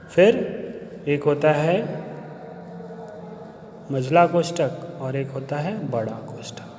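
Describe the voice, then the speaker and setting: A male Hindi teacher giving a grammar lesson to children, explaining slowly and repeating key points. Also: a little high, darkish tone, a little hiss or hum. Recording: echoey room with long reverb, faint ambience.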